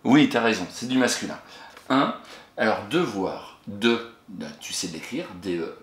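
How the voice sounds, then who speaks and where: Male primary teacher, animated and encouraging, spells words out slowly, echoey room with light hiss. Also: lowish voice. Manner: encouraging, talks to an absent pupil and pauses for answers. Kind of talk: recorded spelling lesson for a child. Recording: echoey room with faint noise.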